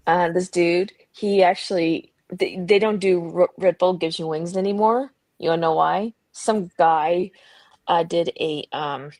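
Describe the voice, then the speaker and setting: A woman hosting a reading livestream from home, chatting casually and telling stories in a relaxed way. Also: on the low side, no echo, poor audio. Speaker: sprint host on a reading livestream. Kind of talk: casual chat. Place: at home with her dog.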